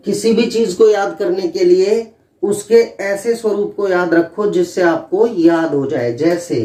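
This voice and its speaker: A male English teacher giving a spelling and pronunciation lesson, spelling words out letter by letter and repeating them slowly. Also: sits high, dark tone. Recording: roomy echo, distant mic.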